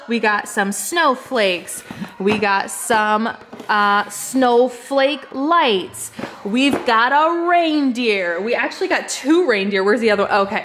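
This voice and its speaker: A woman's voice: a little high, fairly bright tone, slight background noise. A young woman in casual vlog chat, upbeat and chatty as she shows things around her house on a handheld camera. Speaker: home vlogger. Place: inside a house.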